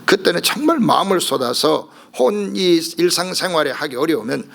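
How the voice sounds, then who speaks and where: His voice on the high side with some vocal fry, a middle-aged pastor preaches at normal speed. He brings his sermon to life by acting out the cries of the blind man.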